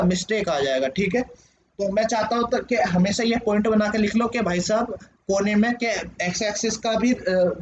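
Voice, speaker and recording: A young man with a fairly high voice talks through a problem in a casual lesson, step by step, with plenty of fillers and restarts. The recording is a bit dull and lo-fi, with a faint hiss behind him. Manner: explains step by step, many fillers and self-corrections. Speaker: teacher. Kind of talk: casual Hindi lecture working a problem on screen.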